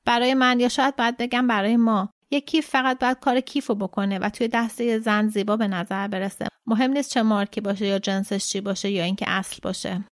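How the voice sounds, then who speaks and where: A woman's voice: mid-range voice, fairly even intonation, no echo, studio quality, lightly acted. A woman voicing an awkward, ashamed young man who speaks hesitantly in a storybook reading. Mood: soothing. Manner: hesitant, embarrassed.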